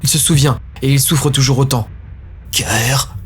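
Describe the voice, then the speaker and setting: A man narrating a dark science-fiction audio story in a grave, intense manner. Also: mid-range voice, fairly even intonation, a little fast, slightly rough, soft background music.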